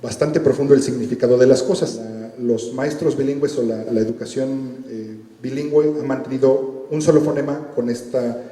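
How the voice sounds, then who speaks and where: A man's voice: mid-range voice, steady tone, moderate pace, few pauses, dark tone. A man who speaks Totonac as a first language, explaining an orthography project carefully with many fillers. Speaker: university team member presenting software. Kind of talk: explanatory presentation. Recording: roomy recording with long reverb.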